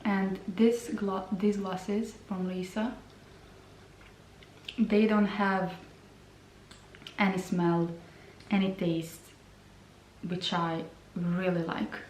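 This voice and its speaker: Slow, hesitant woman in a roomy space. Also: mid-range voice, level tone, a little mellow, a little hiss or hum. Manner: slow, hesitant, repeats words. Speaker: beauty vlogger. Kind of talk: product review and swatches. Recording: roomy sound from a distance.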